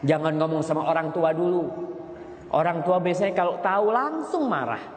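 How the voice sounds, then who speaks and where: A male preacher giving a sermon on marriage, telling stories, his voice leaping higher for emphasis. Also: expressive, moderate pace. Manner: storytelling, voice leaps higher for emphasis. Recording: echoey hall with long reverb, faint noise.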